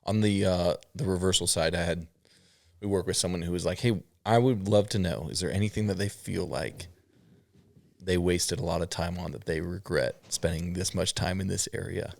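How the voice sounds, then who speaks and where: A man's voice: sits low, fairly even intonation, moderate pace, vocal fry, a little mellow, no echo. A man hosting a casual interview podcast, talking and reading aloud as the host.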